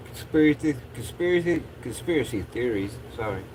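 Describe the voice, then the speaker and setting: A man's voice: medium pitch, lively intonation, a little fast, darkish tone, a little hiss or hum, rough recording. A man chatting casually as a livestream host in a laid-back, rambling stoner drawl.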